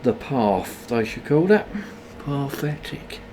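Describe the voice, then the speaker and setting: A man's voice: medium pitch, expressive, takes it slowly, darkish tone, a little hiss or hum. A tired man, mocking the ads he watches during a late game stream. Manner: sarcastic, mocking. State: tired, yawning. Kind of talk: casual live-stream commentary on ads.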